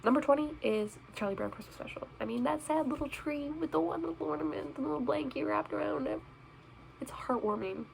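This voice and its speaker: A woman's voice: sits high, fairly even intonation, fast, gravelly, hardly any pauses, a little hiss or hum, poor audio. A young woman chatting casually on a vlog, bubbly and self-deprecating, recorded indoors. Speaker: vlogger. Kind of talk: casual chat reviewing movies. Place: indoors in front of a Christmas tree.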